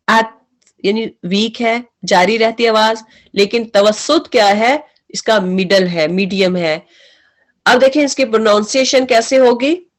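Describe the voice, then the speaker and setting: A woman teaching Quran recitation rules. She asks questions and answers them herself, and stretches out her recited examples. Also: medium pitch. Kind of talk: tajweed lesson with recited examples.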